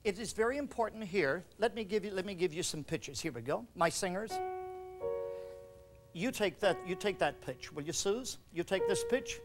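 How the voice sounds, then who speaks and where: A man leading a choral workshop, coaching singers with quick commands and questions. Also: sits high, lively intonation, over music. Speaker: choral conductor teaching a workshop. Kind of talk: instructional workshop talk.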